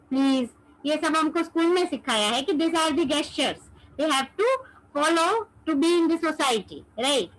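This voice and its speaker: Brief: high-pitched woman, spiritual teacher, rhetorical questions, sprinkles in English words. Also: fairly bright tone, rough recording. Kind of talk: devotional teaching session.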